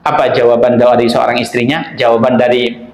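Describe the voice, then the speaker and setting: A male preacher telling a story in a lively sermon, often asking the audience rhetorical questions. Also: mid-range voice, a little fast. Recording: echoey room.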